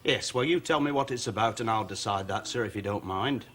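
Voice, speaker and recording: A man's voice: on the low side, a little fast, a bit bright. An actor playing a dry, brusque male police sergeant in a British TV police drama.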